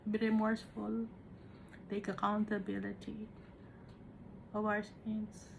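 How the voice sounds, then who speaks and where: A woman preaching, reading Bible verses slowly and explaining them in a chatty way, often asking "right?". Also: medium pitch, monotone, gravelly, noisy background. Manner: Taglish, reads scripture slowly then explains conversationally with tag questions.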